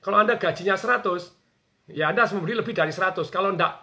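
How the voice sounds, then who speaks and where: Energetic male business coach, high and bright, jumps into quoted voices. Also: racing. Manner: energetic, acts out quoted bosses and workers. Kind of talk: animated radio talk.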